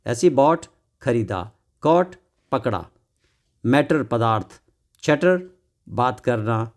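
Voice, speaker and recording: Gravelly male tutor. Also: mid-range voice, a little mellow. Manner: explains slowly, repeats words, asks and answers his own questions. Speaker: English tutor. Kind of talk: classroom lesson explaining a workbook.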